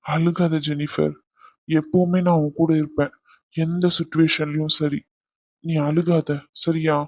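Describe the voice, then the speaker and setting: A man voicing a doting young groom in a cartoon, soothing and coaxing his bride in a soft, teasing way. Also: a little high, little pitch movement, unhurried, dry recording. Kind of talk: cartoon voice acting.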